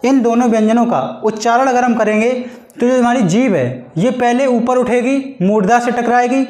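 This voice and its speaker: A man's voice: very high-pitched, darkish tone, roomy sound. A man teaching a grammar lesson, patiently repeating and drawing out syllables to show how they are pronounced. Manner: patient, repeats and stretches out syllables to demonstrate pronunciation. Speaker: Hindi teacher. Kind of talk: blackboard-style grammar lesson.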